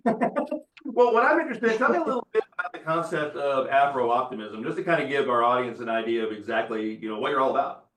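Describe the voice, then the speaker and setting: A man's voice: medium pitch, animated, fairly quick, fairly bright tone, roomy sound, recorded from a distance. A man hosting an interview show, upbeat and welcoming as he introduces his guest. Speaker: podcast host. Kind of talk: hosted interview.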